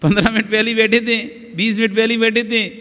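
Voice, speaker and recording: Bright-voiced monk preaching in a reverberant hall. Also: male voice, sits high, flat delivery, quick pace. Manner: emphatic, repeats words to drill pronunciation. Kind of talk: sermon.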